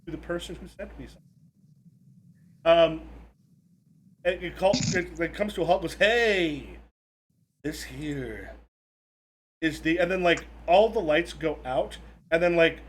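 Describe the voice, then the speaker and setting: Higher-voiced man running a tabletop game. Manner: halting, informal. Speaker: game master. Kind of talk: improvised tabletop game narration. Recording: noisy room recording.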